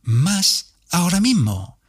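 A man talking casually as an intuition coach, animated and slangy, swearing freely. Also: high-pitched, takes it slowly, husky. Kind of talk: casual motivational monologue.

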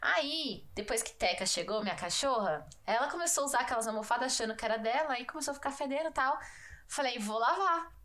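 This is a woman with a São Paulo accent, co-hosting a casual conversation. Her voice sits slightly high. She talks in loose, slangy sentences and peppers them with fillers. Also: lively intonation, fast talker, fairly bright tone. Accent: São Paulo Brazilian Portuguese. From São Paulo state, Brazil. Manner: slangy, fills speech with "tipo" and "né". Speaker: podcast co-host. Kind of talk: casual chat.

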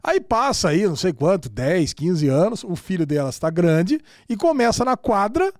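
Brazilian podcast host, male, high voice, dry close sound, animated swearing storyteller. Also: moderate pace, dry recording. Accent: Brazilian Portuguese. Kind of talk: casual podcast chat.

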